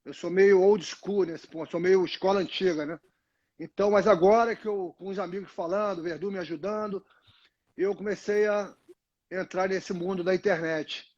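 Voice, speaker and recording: An older Brazilian man, a retired fighter appearing as a guest, rambles through long stories in a casual live interview, full of restarts and "né?" tags. His voice sits high and steady, a little mellow, at a moderate pace. He talks into a phone on a tripod, and the audio is dull and lo-fi.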